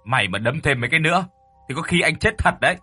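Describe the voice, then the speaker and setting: A man's voice: mid-range voice, expressive, pushed and bright, slightly rough, no echo, faint music behind. A man voicing a cocky young older brother who jokes and scolds in a narrated ghost story. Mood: brash. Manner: joking, quick and brash.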